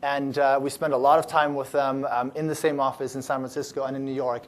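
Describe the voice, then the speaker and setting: A man who founded a startup accelerator giving a conference talk to an audience, talking loosely with many fillers and restarts in an upbeat, animated way. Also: mid-range voice, brisk.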